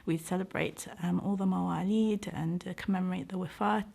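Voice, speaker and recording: A middle-aged woman from the United Kingdom, a doctor and community organiser, reflects earnestly and thoughtfully as an interviewee, often hesitating while she searches for words. Her voice sits on the low side and is gravelly with a darkish tone, her intonation fairly even and her pace a little fast.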